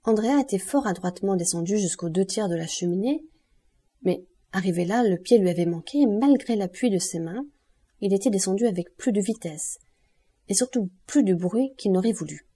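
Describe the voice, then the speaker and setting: A woman narrating a classic novel as an audiobook, in a measured, expressive reading. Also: medium pitch, breathy edge. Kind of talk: scripted narration.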